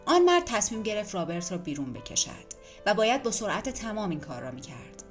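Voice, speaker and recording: A woman narrating an audiobook in a measured, dramatic manner. Her voice sits in a medium range. Faint background music plays throughout. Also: mid-range voice, very animated.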